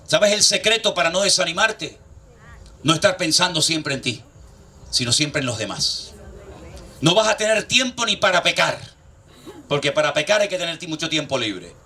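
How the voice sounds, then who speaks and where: A man's voice: a little high, background noise. A middle-aged man, preaching a sermon as pastor, telling jokey stories, acting out the voices he quotes and laughing often.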